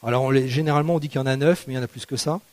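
A man's voice: mid-range voice, racing, a little mellow. A man preaching a sermon in a conversational, playful way, often asking the congregation rhetorical questions. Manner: playful, jokes with the audience.

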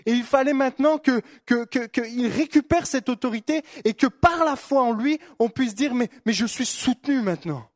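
Fervent young preacher, dry sound. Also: male voice, very high-pitched, moderate pace, few pauses, no room sound. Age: young adult. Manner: fervent, repeats phrases for emphasis, stammers on words. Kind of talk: sermon.

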